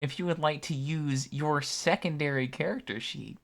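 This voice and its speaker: A woman's voice: low voice, moderate pace, creaky. A woman acting as game master, casually explaining things to her players.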